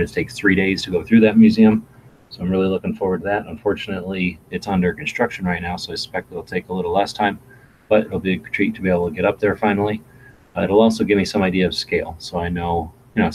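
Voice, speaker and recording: A man's voice: low-pitched, slight background noise, poor audio. A man hosting a casual live-stream chat, rambling along with many fillers and restarts. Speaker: gun channel host. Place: home in Arizona.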